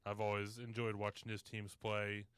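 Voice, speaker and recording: A man co-hosting a sports talk show, steady and matter-of-fact. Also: fairly low pitch, normal speed, clear, resonant tone, dry recording. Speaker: sports radio co-host.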